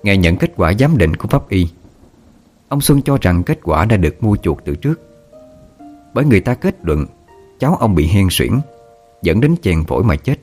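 A man narrating a story in a steady, somber way. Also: low voice, moderate pace, pauses often, faint music behind. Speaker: audiobook narrator.

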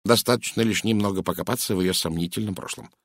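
A man's voice: low voice, quick pace, no room sound, studio quality. A man voicing a stern, brusque middle-aged Englishwoman in an audiobook, speaking curtly and bluntly. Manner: curt, blunt, disapproving. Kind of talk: audiobook character reading.

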